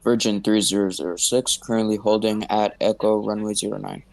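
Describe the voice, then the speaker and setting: A man playing a pilot in a flight simulator, reading back clearances over a headset in clipped, formal aviation phrasing. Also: fairly low pitch, flat delivery, fairly quick, low-quality recording.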